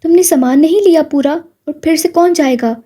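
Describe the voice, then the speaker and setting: A woman voicing a bad-tempered middle-aged aunt who scolds angrily. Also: high voice. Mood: angry. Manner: angry, shouting, scolding.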